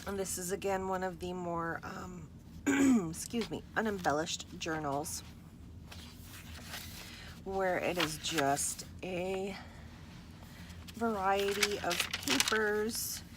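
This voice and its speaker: A woman showing her handmade journals in a casual vlog, relaxed and unhurried, with a husky morning voice and some throat clearing. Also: fairly low pitch, background noise. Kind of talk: casual show-and-tell vlog.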